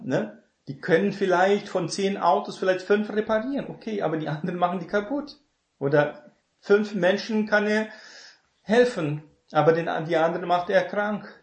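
A man preaching a conversational sermon, often checking with the congregation through quick tag questions. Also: a little high. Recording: echoey room.

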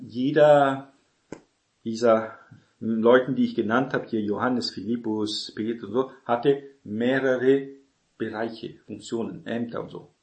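A medium-pitched man preaches an explanatory Bible-teaching sermon, constantly checking in with tag questions and restarting his sentences. The room sounds echoey.

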